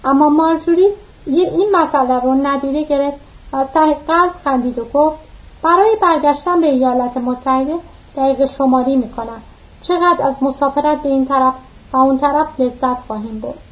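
A woman narrating a novel aloud, reading steadily and voicing the dialogue lightly, with occasional slips and restarts. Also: high voice. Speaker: audiobook narrator. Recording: dull lo-fi recording.

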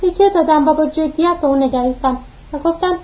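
A woman narrating a novel aloud, reading steadily and voicing the dialogue lightly, with occasional slips and restarts. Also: sits high. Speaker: audiobook narrator. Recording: dull lo-fi recording.

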